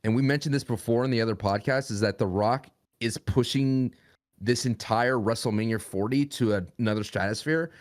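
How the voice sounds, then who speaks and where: A man's voice: medium pitch, a little fast. A young man talking as a podcast guest in a rambling, casual way. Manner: rambling, frequent restarts and fillers.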